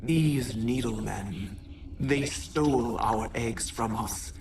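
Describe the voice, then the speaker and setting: A woman voicing an ancient, mournful insect hive queen in a video game, speaking in halting, cryptic, solemn phrases through a host. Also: rumbling low, heavily acted. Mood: mournful, eerie. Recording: distant voice with clear noise.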